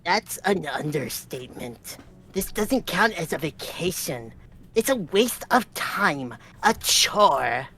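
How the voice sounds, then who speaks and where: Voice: mid-range voice, big pitch swings, slow, a bit bright, full character voice. A streamer putting on a lisping snobby nerd kid. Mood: ranting. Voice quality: lisp, nasal snotty tone. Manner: whiny, irritable complaining. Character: nerdy snobbish grumpy boy, sulky and rude. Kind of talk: voicing a character in a story game.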